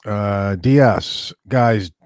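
A man hosting a casual podcast, relaxed and agreeable, reading listener questions aloud. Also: on the low side, extremely slow, no echo, studio quality. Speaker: podcast host.

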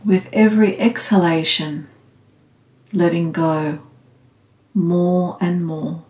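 A woman guiding a meditation in a calm, meditative, soothing tone, unhurried and leaving long pauses. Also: on the low side. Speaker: meditation guide. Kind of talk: guided loving-kindness meditation. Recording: roomy, slightly echoing sound.

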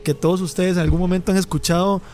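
A man's voice: high-pitched, steady tone, fast, a little mellow, a little hiss or hum. A man hosting a casual interview, asking easygoing, slangy questions. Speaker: host.

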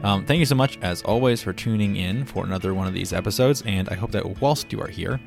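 Gravelly low-voiced man hosting a science podcast. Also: fast, a little mellow, faint music behind. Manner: chatty, playful, lots of ums and "right?". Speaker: podcast host.

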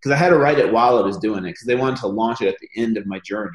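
A man's voice: fairly low pitch, very fast, echoey room. A man speaking as a podcast guest, telling his story casually with lots of fillers. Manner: relaxed storytelling with many fillers. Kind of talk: casual conversational interview.

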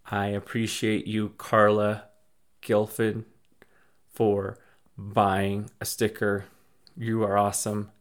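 Rambling man, slightly low voice. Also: completely flat delivery, slow pace, long pauses. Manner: rambling, restarts and repeats phrases; effusive and grateful. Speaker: podcast host and small business owner. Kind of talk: casual life-update ramble.

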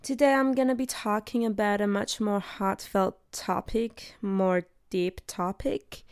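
A young Danish woman hosts her own podcast episode, delivering a personal monologue in an earnest, heartfelt way while searching for her words. Her voice is medium-pitched and darkish, with fairly even intonation and an unhurried pace. The studio-quality recording has no echo.

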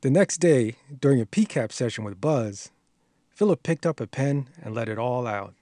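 A man narrating a documentary in a measured, scripted, explanatory way. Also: mid-range voice, expressive, dark tone, no echo, clean studio sound.

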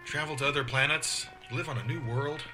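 A man's voice: mid-range voice, brisk, close to an everyday voice. A man acting an earnest, protective young romantic in a 1940s-set sci-fi radio drama, with music behind him.

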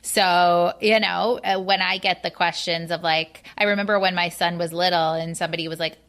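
A woman hosting a conversational interview, chatty and candid, telling personal stories in an animated way. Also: fairly low pitch, normal speed, noisy background. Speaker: host.

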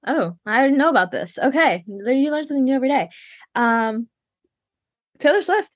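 A woman's voice: high-pitched, expressive, fairly quick, no room sound, muffled recording. A woman vlogging in casual chat, rambling with lots of fillers and restarts.

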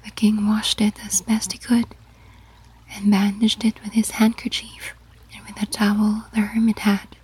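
A woman tells a story in a steady, breathy whisper for relaxation. Her delivery is slow and flat, with a mellow, dark tone. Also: mid-range voice. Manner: steady unvoiced whisper throughout. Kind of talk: whispered ASMR story reading.

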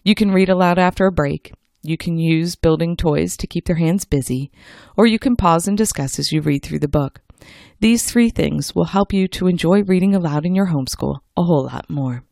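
A woman hosting a scripted how-to podcast, speaking in a clear, structured, instructional way. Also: fairly low pitch, moderate pace, a little mellow, dry recording, studio quality. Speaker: podcast host.

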